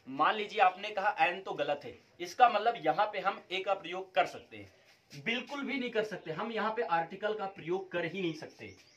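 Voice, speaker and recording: Male English teacher, fairly high voice, walks students through each point and quizzes them. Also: fairly bright tone, lo-fi sound. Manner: explains step by step, asks students questions and answers them himself. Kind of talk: classroom-style video lesson.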